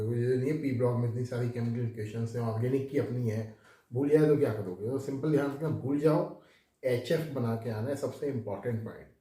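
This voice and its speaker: A man's voice: medium pitch, warm tone. A male chemistry teacher lecturing in speech, repeating key points and mixing English terms in. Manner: explains with repetition, mixes English terms into Hindi. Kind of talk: recorded classroom lecture. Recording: echoey room, voice from far off.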